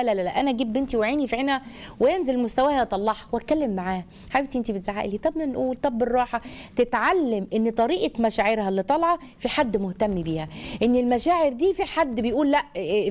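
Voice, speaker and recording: Brisk Egyptian woman advice host, answers viewer questions in quick casual talk. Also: on the high side, darkish tone. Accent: Egyptian Arabic. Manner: fast, chatty, reading viewer comments. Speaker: parenting show host. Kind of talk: live call-in advice show.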